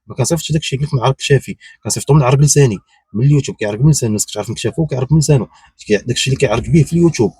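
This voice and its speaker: A man's voice: medium pitch, racing, mellow, breathy edge, dry recording. A man with a Moroccan accent giving unscripted opinion commentary, insistent and repetitive, firing off rhetorical questions. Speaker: YouTube commentator.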